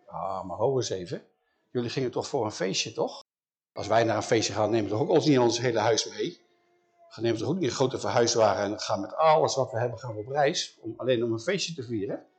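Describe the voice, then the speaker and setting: A man voicing a stubborn, proud king who brushes off every warning in a quick, lower voice. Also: animated, close to an everyday voice. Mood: suspicious.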